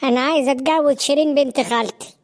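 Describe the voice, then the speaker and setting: A stubborn young cartoon man insists on getting his way, in an Egyptian Arabic accent, as a woman voices him. His voice is very high. He pleads and argues. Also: fairly even intonation, rapid-fire, lightly acted. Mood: insistent.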